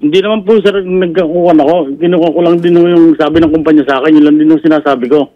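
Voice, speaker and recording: A man, a bus driver calling in, answering loudly and defensively. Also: a little high, steady tone, dull audio. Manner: loud, defensive, rapid.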